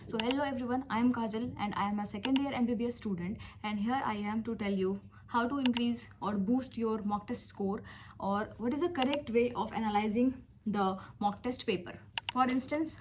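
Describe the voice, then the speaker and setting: A woman's voice: fairly high pitch, noisy background. Bossy, teasing young woman coaching students. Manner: bossy, teasing big-sister tone with playful scolding. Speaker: medical student giving exam advice. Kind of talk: casual direct-to-camera coaching.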